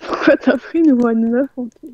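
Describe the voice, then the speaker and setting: A woman's voice: sits high, darkish tone, breathy edge. A woman calling in as a fan on a voice call, playful, laid-back and teasing. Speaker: subscriber calling in. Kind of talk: casual call. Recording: dull dry voice-call audio.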